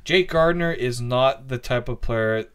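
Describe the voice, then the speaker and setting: A man's voice: medium pitch, moderate pace, smooth. A man hosting a sports podcast in casual chat, rambling with frequent ums and restarts. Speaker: podcast host.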